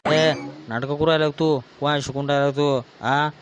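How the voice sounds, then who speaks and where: A man with a Varhadi Marathi accent playing a drunk, quarrelsome son who loudly demands his share of the family land in a village comedy skit. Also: fairly high pitch, steady tone, normal speed, natural voice. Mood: belligerent. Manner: aggressive, shouting threats.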